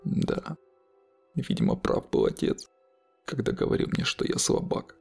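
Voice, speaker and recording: A man's voice: unhurried, a little mellow, faint music behind, lightly acted. A man voicing a weak, desperate young man in a horror story, overwrought and pleading. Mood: bitter regret. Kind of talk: acted horror story dialogue.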